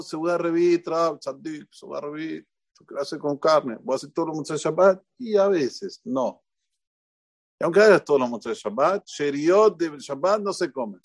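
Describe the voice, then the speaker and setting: A man's voice: a little high, no room sound. A man with an Argentine Spanish accent giving an informal Torah talk as a rabbi in a synagogue, joking, quizzing the congregation and repeating points for emphasis. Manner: lively, jokey, questions the audience, repeats for emphasis.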